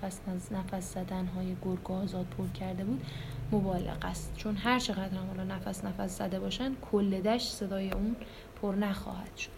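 A woman's voice: medium pitch, fairly even intonation, creaky, background noise. A woman teacher explaining grammar plainly, picking sentences apart piece by piece.

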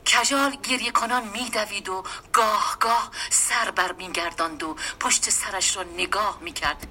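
A woman giving a dramatic storybook reading, often dropping into a hushed, half-whispered voice. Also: mid-range voice, a little hiss or hum. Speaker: story reader.

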